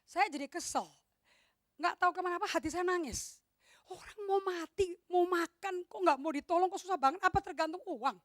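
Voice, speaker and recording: High-voiced, emphatic middle-aged woman pastor. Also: moderate pace, a bit bright, dry recording, studio quality. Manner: emphatic, switches into English phrases. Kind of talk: sermon. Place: church hall.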